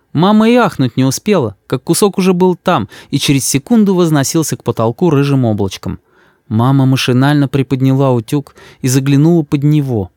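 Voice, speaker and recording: A man reading a story aloud in an expressive storytelling manner. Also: on the high side, no echo, studio quality. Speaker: audiobook reader. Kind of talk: scripted narration.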